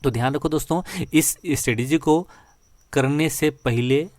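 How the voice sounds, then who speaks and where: A man's voice: a little high, normal speed, darkish tone, no echo. A man giving a screen-share lesson on trading charts, repeating himself and often calling his viewers friends. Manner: repetitive, addresses viewers as friends. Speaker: stock trading teacher.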